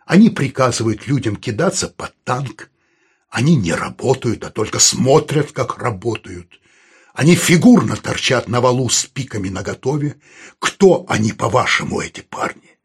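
A gruff, irritable pipe-smoking man, voiced by an audiobook reader, speaking slowly and heavily. The voice is husky and a touch lower than the narration. It sits at an even middle pitch for a man. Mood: sardonic. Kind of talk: audiobook character reading.

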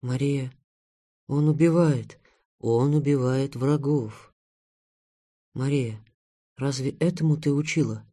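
A man's voice: mid-range voice, slow, long pauses, warm tone, no room sound, clean studio sound. A man reading an audiobook, voicing a frightened young woman who pleads in a trembling voice. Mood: pleading.

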